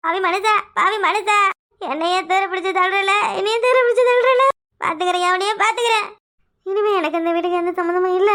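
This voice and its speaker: A woman voicing a fiery, quarrelsome young wife in a cartoon, scolding quickly and repeating her lines. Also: very high-pitched, fairly even intonation, a bit bright. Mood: defiant, distraught. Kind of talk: cartoon voice acting.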